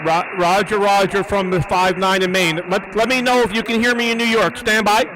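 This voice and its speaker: High-pitched man operating ham radio over static. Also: steady tone, normal speed. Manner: repeats words and call signs methodically. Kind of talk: live radio contact and antenna test commentary.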